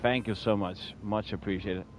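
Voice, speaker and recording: Low-voiced man livestreaming a game casually. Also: steady tone, moderate pace, a little hiss or hum. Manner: chummy, repeats phrases. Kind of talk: casual live game commentary with chat.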